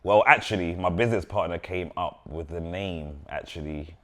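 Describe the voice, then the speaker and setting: A man's voice: low voice, moderate pace, sharp tone. A young man with a London roadman accent and street slang, chatting casually as a podcast guest. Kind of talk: casual chat.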